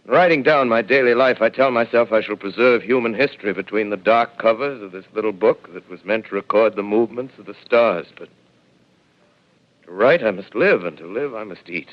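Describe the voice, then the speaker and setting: A male actor with a lowish voice gives a lightly acted turn as a shaken astronomer surviving alone in a deserted land. The style is a hushed, reflective 1930s radio drama, heard through a dull, lo-fi old broadcast.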